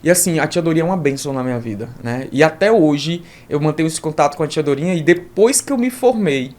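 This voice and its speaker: A man who is a podcast guest, telling his own story in an animated way, full of asides and tag questions. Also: a little high, quick pace. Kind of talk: personal storytelling in an interview.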